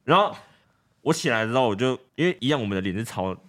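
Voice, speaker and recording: A man telling a childhood story in a casual podcast chat, animated, laughing and restarting often. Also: mid-range voice, fast talker. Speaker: guest storyteller.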